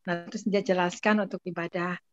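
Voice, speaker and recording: A woman giving a casual, lively spoken testimony as a guest, often laughing. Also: fairly low pitch, a little fast, no room sound. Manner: lively storytelling with frequent laughs. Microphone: video call. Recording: muffled dry video-call audio.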